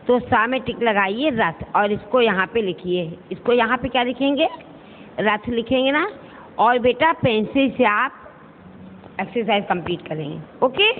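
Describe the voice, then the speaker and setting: A woman's voice: fairly high pitch, in a large hall, a little hiss or hum. Patient teacher woman, tinny phone audio. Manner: patient, addresses pupils as "beta", repeats slowly for dictation. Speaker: school teacher. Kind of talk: online class lesson.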